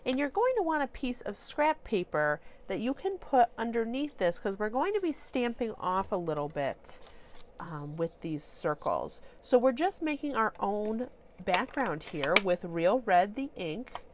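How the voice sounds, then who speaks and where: A woman's voice: mid-range voice, very animated, unhurried, slight background noise. Congested woman hosting a card-making tutorial. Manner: chatty, with frequent ums. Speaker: papercraft tutorial host. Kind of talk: casual crafting tutorial.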